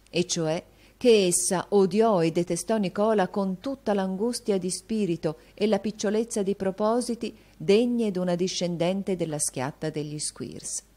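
A woman reading a classic novel as an audiobook in a measured, expressive storytelling manner. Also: mid-range voice. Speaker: audiobook narrator.

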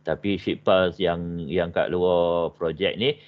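A Malaysian man lectures online about basement construction over a webcam, his low voice slow and fairly even in intonation. He often says "okey" as a filler and mixes in English terms, and the video-call audio sounds dull.

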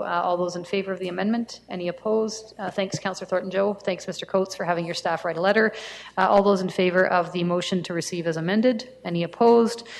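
A woman chairing a council meeting, running motions and votes in a brisk procedural way with some fillers. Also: on the low side. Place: council chamber. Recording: long reverb, faint room noise, council chamber.

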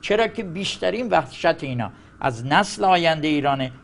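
A man speaking as a guest commentator on a political panel, emphatic and argumentative, dropping his voice low on his conclusions. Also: animated, creaky, a little hiss or hum.

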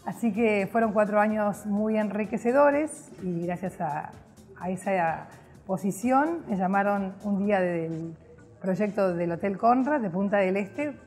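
Animated yet measured, her medium-pitched, darkish voice carries over faint background music. The middle-aged Argentine woman, a public relations guest in a hotel lobby, chattily recounts her career to camera in Argentine Spanish, cheerful and full of fillers.

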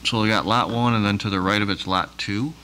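A man's voice: lowish voice, fairly even intonation, fairly quick, noisy background. A man on a zoning board asking plain checking questions at a public meeting.

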